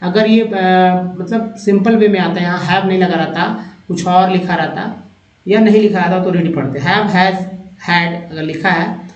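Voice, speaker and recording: Slow, roomy-sounding male reading teacher. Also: sits high, fairly even intonation, dull audio. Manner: reads slowly word by word, spelling out letters. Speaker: English teacher. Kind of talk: Hindi English-reading lesson.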